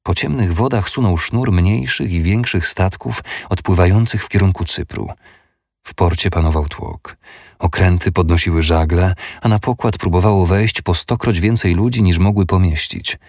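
Deep, husky male narrator for a historical audiobook, steady delivery. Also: moderate pace, no echo, clean studio sound.

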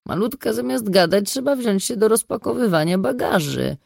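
A man's voice: high-pitched, lively intonation, moderate pace, creaky, dry recording, clean studio sound, pitched above the performer's own voice, full character voice. A reader voicing a curt, bossy middle-aged husband and father in an audiobook. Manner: curt, dismissive. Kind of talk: audiobook reading.

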